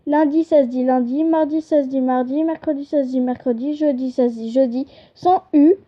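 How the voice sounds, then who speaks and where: A woman's voice: high-pitched, fairly even intonation, fairly quick. A young woman giving a casual home-made language lesson, chatty and hesitant, often correcting herself. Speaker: channel host teaching an invented language. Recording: dull lo-fi home recording.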